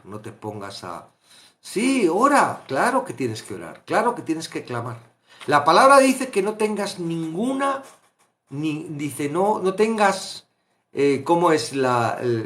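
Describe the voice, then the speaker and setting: Impassioned preacher, hushed to loud. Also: male voice, fairly high pitch. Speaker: Bible teacher. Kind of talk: Bible study preaching.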